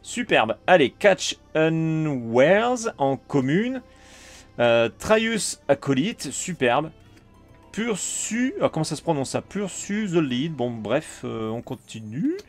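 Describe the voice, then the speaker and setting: A man with a French accent chatting casually while opening trading cards, calling out each card and getting excited. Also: a little high, slow pace, soft background music. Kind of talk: casual card-unboxing commentary.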